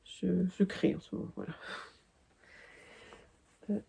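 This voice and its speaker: A woman's voice: lowish voice, slow, vocal fry, dark tone, slightly rough. A woman from France talking casually in a crafting vlog, hesitant with many fillers and restarts. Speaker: crafting vlogger. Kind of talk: casual chat.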